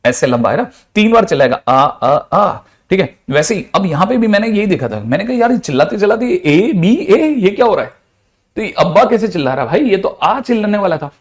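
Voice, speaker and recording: A man's voice: sits high, sing-song, fast. A man, a physics teacher giving a chatty, playful lecture. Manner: chatty, playful, with mixed Hindi-English math terms.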